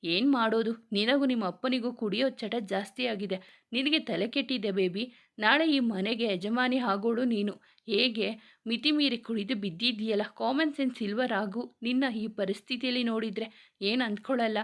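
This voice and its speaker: A woman voicing a sharp-tongued middle-aged mother who scolds her family, in a read-aloud story. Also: medium pitch, fairly even intonation, normal speed, close to an everyday voice. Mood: scolding. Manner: nagging, rebuking.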